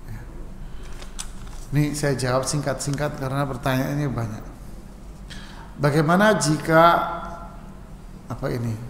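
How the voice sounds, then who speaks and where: A man preaching at a mosque study session, answering questions in a relaxed, joking way and mimicking regional speech for laughs. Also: mid-range voice, measured pace, long pauses, slight background noise. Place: mosque hall. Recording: echoey mosque hall with long reverb, faint ambience.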